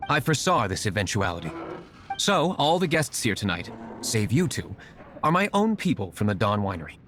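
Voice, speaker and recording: A man's voice: lowish voice, very animated, normal speed, music in the background. An actor playing a curt, aloof young nobleman and secret vigilante in a video game, speaking drily and formally. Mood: composed. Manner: dry, formal, terse.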